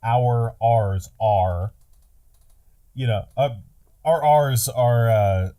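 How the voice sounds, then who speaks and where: A man as a podcast guest in casual chat, relaxed and hesitant with many fillers. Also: mid-range voice, extremely slow.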